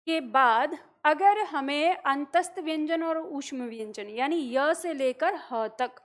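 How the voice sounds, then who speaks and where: High-voiced woman teacher explaining patiently. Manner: patient, explains step by step with checks like "okay". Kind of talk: classroom explanation.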